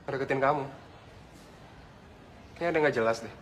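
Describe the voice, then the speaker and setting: A man plays a cool, aloof young man in a homemade film remake. His mid-pitched voice is calm and cutting, with faint background noise. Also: normal speed, lightly acted.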